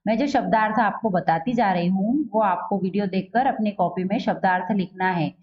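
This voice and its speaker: A woman teaching a Sanskrit lesson in Hindi who asks questions and answers them herself, reading the Sanskrit lines slowly and carefully. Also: medium pitch, lo-fi sound.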